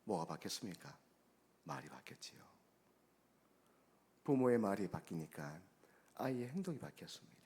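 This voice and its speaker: A man, a guest pastor, delivering a sermon, preaching emphatically with sharp swings between soft and loud and acting out the people in his stories. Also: low voice, big pitch swings, moderate pace, pauses often. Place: church sanctuary. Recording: long church-hall reverb.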